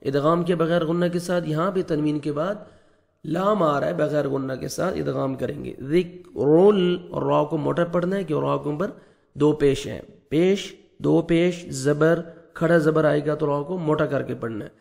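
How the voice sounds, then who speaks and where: A man with a Pakistani Urdu accent teaching Quran recitation rules, patiently explaining step by step and chanting verses slowly. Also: fairly high pitch, steady tone, gravelly, darkish tone.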